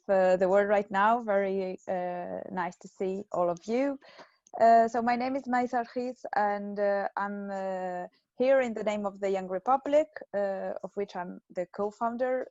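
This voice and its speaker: A woman's voice: medium pitch, a little mellow, no room sound. A woman, co-founder of a youth organization, introducing herself hesitantly on an online panel with restarts and uh fillers. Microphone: video call. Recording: dry, dull video call audio.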